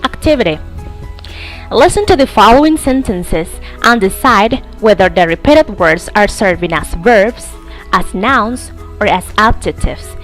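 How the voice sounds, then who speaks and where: A woman narrating a scripted lesson, giving slow, deliberate instructions and reading word lists. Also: medium pitch, fairly bright tone.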